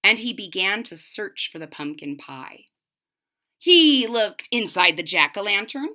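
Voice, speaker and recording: Unhurried and medium-pitched, a woman acts out a children's story as she reads it to listeners. Her delivery is lively and theatrical, and she breaks off now and then to ask them questions.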